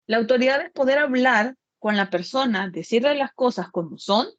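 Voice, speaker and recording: A woman's voice: a little high, animated, moderate pace, no echo. Plain-spoken woman lecturer, dull recording. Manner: plain-spoken, repeats points with everyday examples. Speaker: architecture lecturer. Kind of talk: lecture to students.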